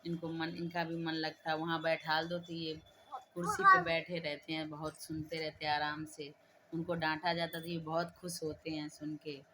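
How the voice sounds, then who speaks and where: A woman's voice: deep voice, moderate pace, bright, forceful tone, slight background noise. A woman vlogging at home on a phone, plainly explaining the daily routine of caring for a child. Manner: coaxing, repeats prompts to the child; plain, matter-of-fact explaining. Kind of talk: casual home vlog.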